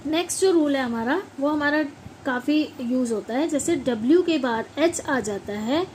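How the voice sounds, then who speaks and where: A woman English teacher with a high-pitched, darkish voice explains pronunciation classroom-style at a moderate pace. She spells words letter by letter, repeats them, and keeps making sure her listeners follow. The audio is poor, with slight background noise.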